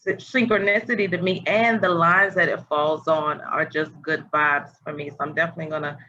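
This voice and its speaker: A woman's voice: sits low, flat delivery, moderate pace, sharp tone. A woman hosting a casual spiritual conversation over a video call, meandering and searching for words. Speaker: podcast host. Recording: dull lo-fi audio with faint noise.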